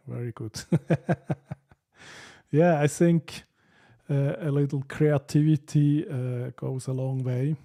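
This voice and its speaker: A Swiss man with a Swiss accent hosts a casual live stream, reading out viewer comments and often laughing between hesitant, filler-filled sentences. His voice is mid-range and warm.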